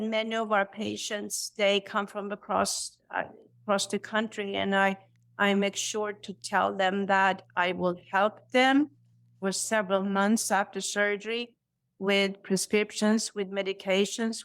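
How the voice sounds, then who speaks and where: A middle-aged woman from Sweden, a cardiologist guest speaking in a warm, reassuring way, laughing often and repeating words. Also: medium pitch, gravelly. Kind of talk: conversational interview.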